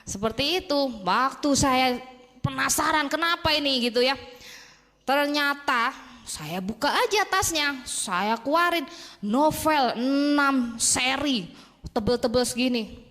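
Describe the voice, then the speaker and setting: A woman giving a motivational talk, telling animated stories and acting out the voices of the people in them. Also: high-pitched, measured pace. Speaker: motivational speaker. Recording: long hall reverb.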